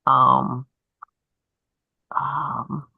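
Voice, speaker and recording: Low-voiced woman giving feedback, bright and upbeat, dry recording. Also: little pitch movement, drawn-out words, vocal fry, breathy edge, no echo, narrow, tinny audio. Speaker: sitter receiving a reading. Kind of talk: casual chat.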